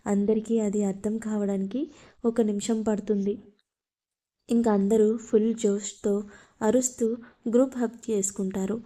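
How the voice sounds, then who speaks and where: A woman narrating a love story, reading in a steady, flat way. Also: medium pitch, unhurried, pauses often.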